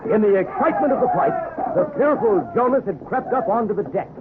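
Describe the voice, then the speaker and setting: Against a loud crowd, a man with a high-pitched, animated voice briskly narrates a seafaring adventure with old-time radio's florid drama. Suspense and drama fill the telling, which comes through as a tinny, noisy vintage broadcast.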